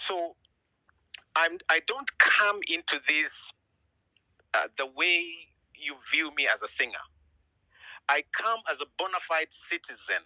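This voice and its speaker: A man's voice: on the high side, pushed and bright, dry recording, highs cut off. A middle-aged man with a Kenyan accent, speaking out with earnest, emphatic force and repeating lines for weight. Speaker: musician and citizen speaking out. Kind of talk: impassioned speech.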